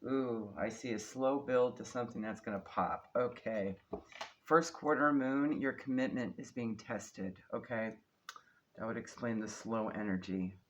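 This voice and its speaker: A man giving a casual, improvised spiritual card reading, speaking unhurriedly with retainers in his mouth that slightly slur his words, often checking in with "okay?". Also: medium pitch. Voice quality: slightly slurred speech from wearing retainers. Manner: unhurried, often ends statements with a questioning "okay?". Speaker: tarot card reader, host. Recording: clearly noisy background with clicks.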